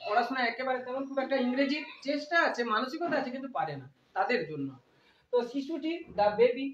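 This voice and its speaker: A woman teaching English grammar in Bengali. She repeats example sentences slowly and asks questions that she then answers herself. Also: sits high. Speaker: English teacher and channel host. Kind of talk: Bengali-medium grammar lesson. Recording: echoey, dull lo-fi room sound.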